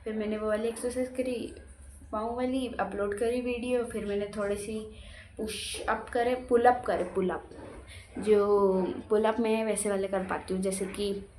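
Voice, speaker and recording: A woman's voice: mid-range voice, fairly even intonation, measured pace, mellow. Chatty young woman in an echoey room. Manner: rambling, repetitive recounting of her day. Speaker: vlogger. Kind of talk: casual diary-style vlog talk. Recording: echoey room with faint background noise.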